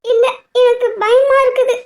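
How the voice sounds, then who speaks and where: A woman's voice: very high voice, flat delivery, moderate pace, a little mellow, pitched above the performer's own voice. Woman doing a timid frightened young cartoon wife. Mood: scared. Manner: anxious, clinging pleading. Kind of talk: cartoon voice acting.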